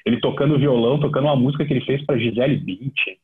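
A middle-aged Brazilian man, a TV sports reporter, chatting relaxed and full of fillers as a podcast guest. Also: mid-range voice, rapid-fire, background noise. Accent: Brazilian Portuguese. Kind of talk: casual podcast storytelling. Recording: tinny phone-like line.

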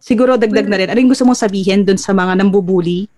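A woman's voice: mid-range voice, fast talker, dry recording. A woman hosting a casual chat, switching between Filipino and English, laughing often and telling stories with energy. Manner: Taglish code-switching, laughs often, lively storyteller. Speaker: host.

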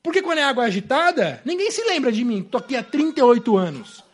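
A man preaching in the voice of a crippled man who has given up hope, griping fast about selfish people in a Brazilian accent. The voice sits very high for a man and bursts out in quick, indignant retorts. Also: very animated, full character voice. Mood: indignant complaining. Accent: Brazilian Portuguese. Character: bitter paralyzed man complaining, hopeless adult male.

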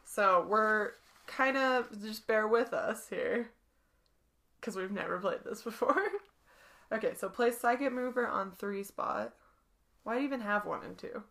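A woman's voice: mid-range voice, unhurried, gravelly, a bit bright. A young woman co-hosting a podcast, reading a board game story aloud with giggles and playful asides. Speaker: podcast co-host.

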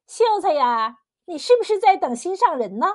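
A woman's voice: extremely high pitch, very animated, moderate pace, a little mellow, voice pushed up. A woman voicing a sly, coaxing old goddess queen. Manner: sweet-talking, sly and coaxing. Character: scheming elderly female Queen Mother goddess.

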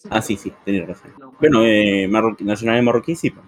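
A man with a Chilean accent and a fairly low voice speaks briskly as one of several commentators on a live football broadcast. He chats casually, teasing and jokingly exaggerating during the match.

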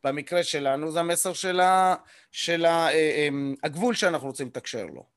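A man teaching a live group about communication, explaining step by step, checking in with listeners often and pausing on hesitation fillers. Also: fairly high pitch, no echo, studio quality. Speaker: communication coach leading a workshop.

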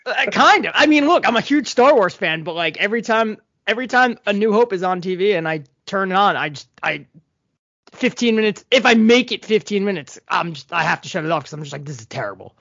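A man's voice: sits high, lively intonation, fairly quick, fairly bright tone, no echo, dull audio. A male podcast co-host chatting casually, blunt and opinionated. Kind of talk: casual chat.

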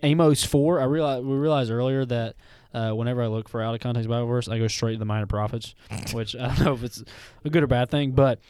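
A young man co-hosting a casual faith podcast, easygoing and quick to laugh, reading Bible verses aloud. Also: medium pitch, fairly even intonation, a little mellow, clean tone, dry recording. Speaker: podcast co-host.

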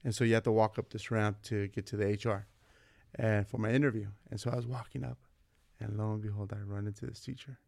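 Gravelly-voiced man telling stories. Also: fairly low pitch, fast talker, no echo. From California. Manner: animated, acts out quoted dialogue in his stories. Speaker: vice principal, podcast guest. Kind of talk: casual storytelling interview.

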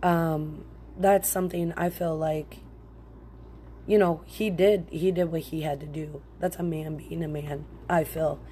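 Congested, low-voiced woman chatting on podcast. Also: unhurried, a little hiss or hum. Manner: animated, blunt, slangy, jokey. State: sick with a chest cold. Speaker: podcast host. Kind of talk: casual solo podcast chat.

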